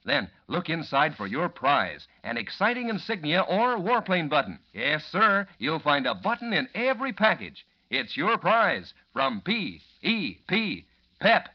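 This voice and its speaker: An American man as a 1940s radio announcer, giving a folksy, enthusiastic sales pitch to young listeners. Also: very animated, measured pace. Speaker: commercial announcer. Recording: dull, lo-fi vintage radio recording.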